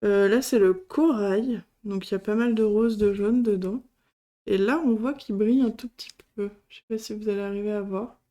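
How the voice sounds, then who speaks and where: A woman's voice: mid-range voice, fairly even intonation, normal speed, warm tone. A woman hosting a casual product demo, speaking hesitantly with many fillers as she shows items one by one. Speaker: craft channel host.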